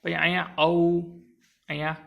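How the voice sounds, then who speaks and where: A man teaching an exam-prep grammar lesson, drawing sounds out slowly and asking and answering his own questions. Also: on the high side, completely flat delivery, creaky, highs cut off.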